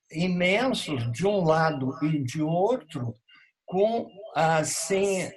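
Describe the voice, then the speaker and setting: A man in the audience asking a question on a call, slowly and haltingly, with long pauses. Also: fairly high pitch, low-quality recording. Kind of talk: casual spoken question.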